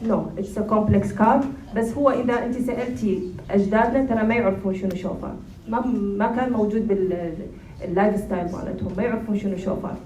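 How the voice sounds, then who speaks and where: A woman's voice: medium pitch, rapid-fire, mellow. A woman with an Iraqi Arabic accent giving informal, instructive advice in answer to an audience question, often checking that she is understood. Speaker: nutrition expert answering questions. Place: room at a public talk, distant mic. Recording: roomy echo, far from the mic.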